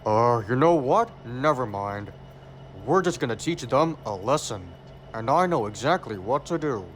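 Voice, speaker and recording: A man's voice: medium pitch, animated, moderate pace, soft background music, natural voice. A man voicing a fed-up talking train in an amateur cartoon dub, recorded with faint background noise. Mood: scheming, annoyed.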